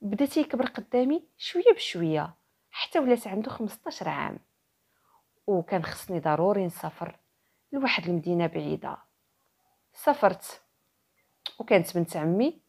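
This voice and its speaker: A woman narrator takes the part of an old sheikh in a folktale. The voice is fairly low with a Moroccan accent, earnestly recounting a sorrowful tale. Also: darkish tone, breathy edge. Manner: earnest, storytelling.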